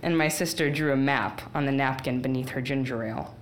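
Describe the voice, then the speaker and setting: A woman telling a personal story aloud, with wry, unhurried delivery and deadpan asides. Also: rumbling low, crowd noise. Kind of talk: live storytelling performance.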